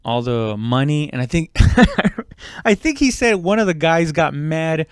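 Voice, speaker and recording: This stand-up comic, a man in his thirties, speaks in a slightly high, very animated voice at a measured pace, with a clear, resonant tone and echo-free studio quality. He grew up in Mexico until seven, then moved to the US, and his casual storytelling is profane, wandering, and self-interrupting.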